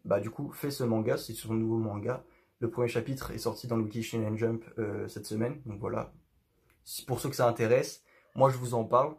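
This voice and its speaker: A man's voice: mid-range voice, vocal fry, a little mellow. A young man talking casually to camera in his bedroom, rambling with lots of fillers and restarts. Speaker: youtuber.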